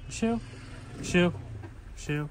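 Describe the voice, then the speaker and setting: A man's voice: high voice, a little fast, slight background noise. A man in casual chat who talks in a soothing, playfully teasing way. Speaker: regular of the show.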